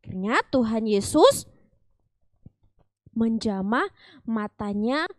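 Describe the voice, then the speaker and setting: Woman Sunday school teacher, high voice, unhurried animated storytelling for children, dry recording. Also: no room sound. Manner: animated, asks the children questions. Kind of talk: telling a Bible story to children.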